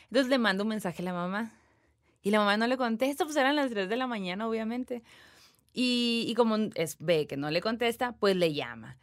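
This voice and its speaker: A woman's voice: a little high, fairly quick, no echo. Brief: young Mexican woman, podcast co-host, slangy storytelling, close dry mic. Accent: Mexican Spanish. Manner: slangy, animated retelling with acted whispers. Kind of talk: casual storytelling.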